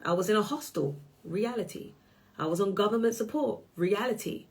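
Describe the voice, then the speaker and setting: A woman's voice: mid-range voice, expressive, a little fast. A woman, a life coach teaching a live online masterclass in an emphatic way, often checking in with listeners. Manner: emphatic, keeps checking in with "okay?".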